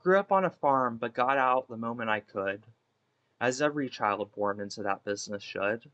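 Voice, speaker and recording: A man plays a guilt-ridden, imprisoned former baseball pitcher, a woman, in a theatrical dramatic monologue that rambles and interrupts itself. His delivery is lightly acted and wistful, at a moderate pace with a slightly bright tone. The recording sounds lo-fi.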